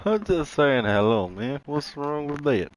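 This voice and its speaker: A man's voice: a little high, rough recording. A man streaming a racing game, chatting casually and joking with chuckles between his stories. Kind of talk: casual live-stream chat.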